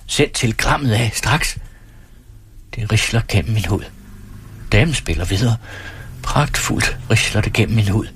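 A man reading a literary text aloud, voicing a woman's inner monologue in first person, with sudden high breathy laughs. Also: expressive, pauses often, fairly bright tone, slight background noise. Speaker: audiobook reader.

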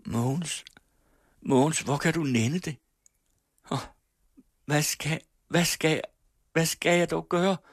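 Storybook reading: man doing a weepy young woman, high, begging, husky edge. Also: animated, no echo, studio quality. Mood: pleading. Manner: high imploring voice. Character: young working-class woman, pleading and tearful.

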